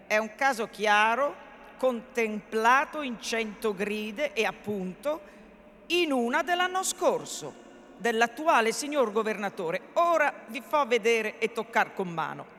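A woman's voice: a little high, lively intonation, a bit bright. A woman voicing a pompous, fussy old male lawyer in a theatrical reading of a novel, bustling and self-important. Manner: bustling, self-important, mutters quickly through legal text. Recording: echoey hall.

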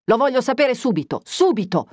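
A woman reading aloud, voicing a hot-tempered young peasant man who demands answers forcefully. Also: on the high side, very animated, brisk, dry recording, clean studio sound, voice pushed up. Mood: angry.

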